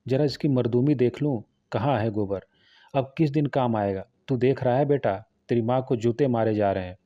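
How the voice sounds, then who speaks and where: A man voicing a fierce, sharp-tongued middle-aged village wife who scolds cuttingly, read in his own voice for an audiobook. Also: mid-range voice, normal speed, muffled recording, close to an everyday voice. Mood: scolding.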